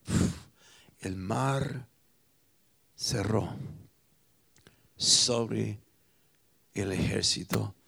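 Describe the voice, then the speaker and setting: A man preaching a sermon, swinging dramatically between loud proclamations and hushed, near-whispered lines. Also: medium pitch, creaky, slightly rough. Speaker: pastor.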